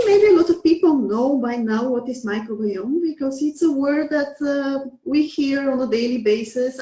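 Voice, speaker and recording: A woman's voice: sits high, warm tone. Roomy-sounding woman from Bulgaria. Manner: earnest, explains step by step with many fillers. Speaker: guest researcher. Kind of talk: explanatory interview talk. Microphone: video call.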